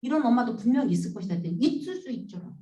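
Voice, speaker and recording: A woman counselor giving a storytelling lecture, animated and acting out the voices she quotes. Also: fairly high pitch, racing. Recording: roomy sound from a distance.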